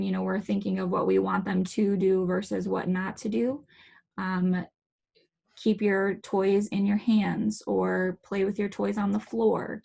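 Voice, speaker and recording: A woman giving a calm, instructive talk to parents in a virtual workshop, modeling warm phrases to use with children, heard over a video call. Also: mid-range voice, gravelly. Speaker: parenting educator.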